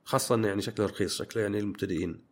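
A man's voice: on the low side, rapid-fire. A man hosting a podcast, chatting casually and reading listener questions, rambling with many fillers. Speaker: podcast host.

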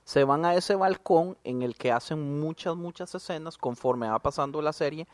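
A man's voice: fairly high pitch, moderate pace, no echo. Emphatic, opinionated man on a podcast. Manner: opinionated, emphatic, uses slang. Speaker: podcast co-host. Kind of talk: casual chat.

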